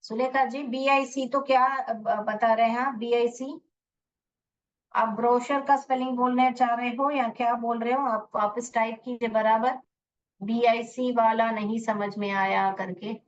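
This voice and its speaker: Slow-talking Indian woman teaching phonics. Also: a little high, fairly even intonation, far from the mic, lo-fi sound. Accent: Indian English. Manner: patient, repeats and checks understanding. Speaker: English teacher. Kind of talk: online phonics class in Hindi and English.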